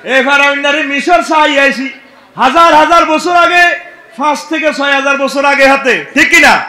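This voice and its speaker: A man with a high, sharp voice preaches a sermon in a Noakhali Bengali accent. He speaks fervently and calls on his listeners to answer him back. The sound is echoey and roomy. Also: fairly even intonation, moderate pace. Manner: fervent, calls for audience responses.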